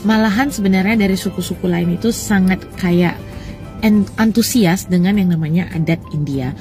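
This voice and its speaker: A woman's voice: medium pitch, moderate pace, darkish tone, faint music behind. A young woman from Indonesia recounting her own experience in a conversational way, hesitating now and then. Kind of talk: casual personal account.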